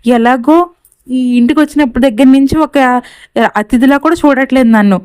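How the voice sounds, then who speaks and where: A woman voicing a young mother who fires sharp, accusing questions. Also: sits high, brisk, smooth, no echo, close to an everyday voice.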